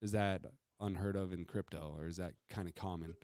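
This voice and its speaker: A man co-hosting a loose bar-banter podcast, his voice sitting low and sounding dry and close. He asks winding questions, stopping and restarting with plenty of fillers. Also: fairly even intonation, darkish tone, dry recording. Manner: rambling, halting questions with many fillers. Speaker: podcast co-host.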